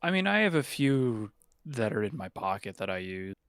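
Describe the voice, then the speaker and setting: A man's voice: on the low side, big pitch swings, moderate pace, fairly bright tone, smooth, no echo, studio quality. A man chatting casually as a stream guest over group voice chat, often restarting his sentences and slipping in puns. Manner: stammering restarts, punning. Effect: heard over group voice chat.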